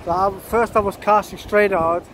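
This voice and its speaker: A man's voice: high-pitched, steady tone, normal speed. A man in his fifties filming a casual fishing vlog on an open beach, chatty, laughing often and repeating words, holding the camera close. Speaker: fishing vlogger. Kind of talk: casual outdoor vlog commentary. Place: open sandy beach by the surf. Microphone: handheld camera close to face. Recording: wind and surf noise.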